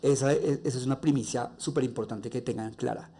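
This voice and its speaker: A man with a Colombian accent and a nasal, raspy voice, hosting a faith-based podcast monologue and sharing personal stories earnestly. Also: medium pitch, fairly even intonation, fairly quick, mellow. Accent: Colombian Spanish. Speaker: podcast host.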